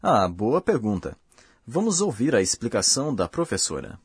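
A man hosting a language course, giving slow, careful, scripted explanations. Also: mid-range voice, very animated, slightly rough, no echo. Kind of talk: scripted lesson narration.

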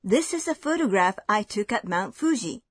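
A woman hosting a language lesson, giving clear, measured scripted explanations. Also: medium pitch, lively intonation, no echo.

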